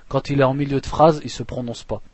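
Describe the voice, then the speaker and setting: A man teaching a religious lesson, reading passages fast and then explaining them plainly with restarts. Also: mid-range voice, fairly even intonation, a little mellow, dry recording. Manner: reads Arabic passages quickly, then explains slowly with restarts; clears throat now and then.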